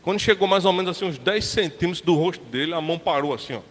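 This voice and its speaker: In a church sanctuary, this Brazilian pastor talks fast and animated in a slightly high voice, preaching through a casual story and performing its characters. The sound carries long hall reverb over faint hiss.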